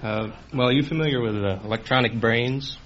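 A computer designer appearing as a quiz contestant answers interview questions in a hesitant, matter-of-fact way. His mid-range voice is brisk. The audio is a dull old radio broadcast with faint noise.

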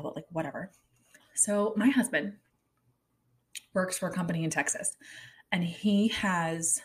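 A woman in her thirties from Kansas City, hosting a loose, comedic solo chat. She rambles from one aside to the next and fills her talk with "like." Her voice sits on the low side. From Kansas City, Kansas, USA. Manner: rambling, chatty, heavy use of "like". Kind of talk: casual comedic monologue.

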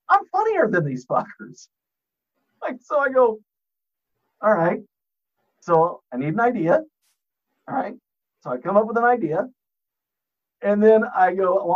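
On a podcast as a guest, a high-voiced man tells rambling, profane stories in casual chat and laughs at his own jokes. The audio sounds dull.

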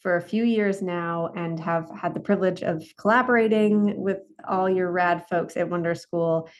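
A woman's voice: on the low side, moderate pace. A woman in her thirties hosting a podcast, upbeat and chatty in casual interview talk. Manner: upbeat, chatty, says y'all and rad. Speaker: podcast host.

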